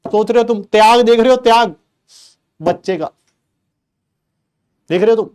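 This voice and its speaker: A middle-aged man, a teacher telling a comic story from his childhood to his live class in an animated, teasing way. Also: high voice, normal speed, clean tone. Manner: animated and playful, teasing the class with rhetorical questions.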